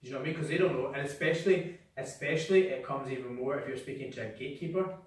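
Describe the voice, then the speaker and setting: In an echoey indoor room, with the mic placed far away, a man with a mid-range voice races through a blunt sales training workshop for a small group. He swears freely and acts out how people sound.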